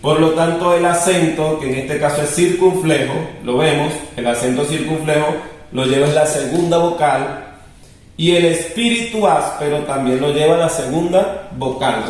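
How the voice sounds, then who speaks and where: A man teaching a lesson, patiently explaining and repeating rules. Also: fairly high pitch. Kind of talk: recorded classroom lesson. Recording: very echoey room, distant mic.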